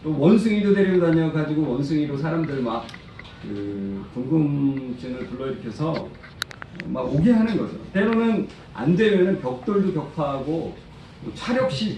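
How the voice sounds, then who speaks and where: A man with a warm voice on the high side preaches to children and adults in a church sanctuary, quizzing the congregation and acting out quotes. He's a preacher and praise-song lyricist, recorded by a distant mic in an echoey church hall with faint noise.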